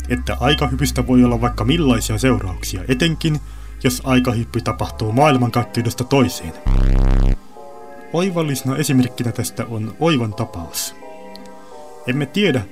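A man narrating a science fiction story and voicing its characters in a lively storytelling manner. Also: medium pitch. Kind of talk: audio drama narration with voiced characters.

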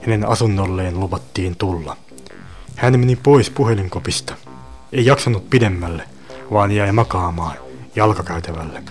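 Low-voiced male narrator reading a story. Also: faint music behind. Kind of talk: dramatic short story reading.

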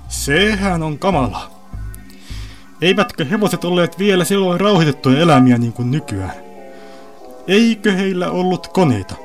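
A man's voice: sits high, expressive, faint music behind, pitched above the performer's own voice. A man voicing a confident, outspoken boy pupil in a storybook reading. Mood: shocked.

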